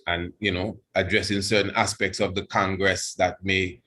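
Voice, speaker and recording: A low-pitched male priest delivers an unscripted religious address in Rastafarian idiom. He phrases things deliberately and haltingly, circling back to repeat words and offer reverent thanks. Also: little pitch movement, sharp tone. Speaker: priest giving a guest address.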